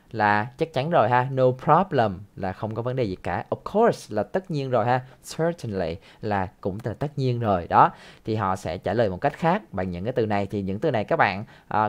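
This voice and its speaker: A man teaching an English listening lesson, patiently repeating phrases and adding soft tag words. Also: mid-range voice.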